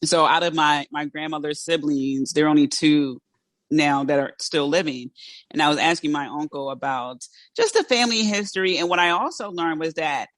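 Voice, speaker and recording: A podcast host with a South Philadelphia accent chats casually in an interview, laughing often. Her low voice moves at a moderate pace with no echo, and dental brackets make her speech a little thick.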